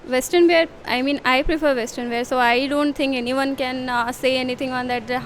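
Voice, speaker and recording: A woman's voice: high-pitched, steady tone, brisk. A woman bluntly giving her opinion in a casual street interview. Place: outdoors on a city street. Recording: outdoor street noise.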